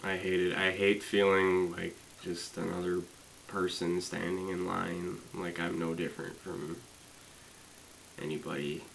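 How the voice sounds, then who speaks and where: A young man in his late teens venting in a casual vlog, rambling with lots of fillers and swearing, swinging between loud complaints and quiet mumbling. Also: deep voice, level tone, a little slow, creaky, slight background noise, low-quality recording. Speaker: student vlogger.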